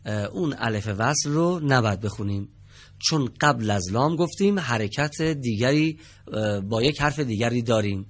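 A man with a mid-range voice teaches Quranic Arabic reading on a TV studio set. Patiently, he questions the students and repeats their responses.

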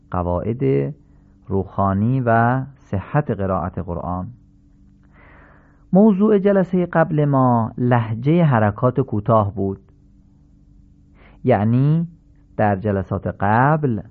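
A man teaching Quran recitation in a radio lesson, explaining patiently and chanting drill syllables slowly. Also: mid-range voice. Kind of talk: radio lesson on Arabic pronunciation. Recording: tinny phone-like broadcast sound.

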